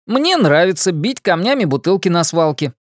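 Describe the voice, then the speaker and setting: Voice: mid-range voice, very animated, normal speed, no echo, studio quality, pitched above the performer's own voice, natural voice. A cautious boy in an audiobook who asks his questions plainly and a little uneasily. He barely departs from the narrator's voice, voiced by the reader.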